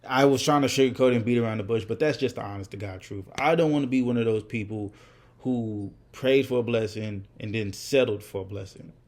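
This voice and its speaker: A vlogger in his twenties rambles casually to the camera in unscripted talk, candid and reflective, full of fillers and restarts. His mid-range voice is brisk, with a darkish tone.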